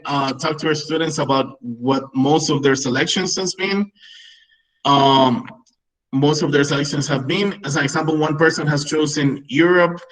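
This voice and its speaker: A man's voice: fairly high pitch, a bit bright, low-quality recording. A man in his thirties presenting a webinar for English teachers, explaining classroom tools with frequent "right?" check-ins. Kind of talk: online teacher-training webinar.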